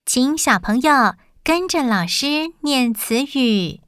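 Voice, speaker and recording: A woman teacher giving a slow phonics lesson to young children, reading words out deliberately and enunciating carefully for repetition. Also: high-pitched, lively intonation.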